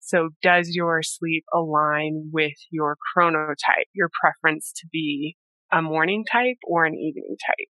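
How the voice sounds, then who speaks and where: Bright-voiced woman sleep scientist. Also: deep voice, steady tone, no room sound, poor audio. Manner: explanatory, measured, frequent "um" and "you know". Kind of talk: interview conversation.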